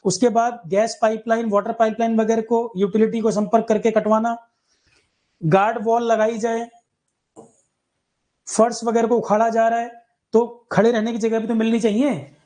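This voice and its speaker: A man's voice: extremely high pitch, level tone, normal speed, a little mellow. A man teaching an exam-prep lecture in Hindi, explaining points through everyday examples and talking directly to his students.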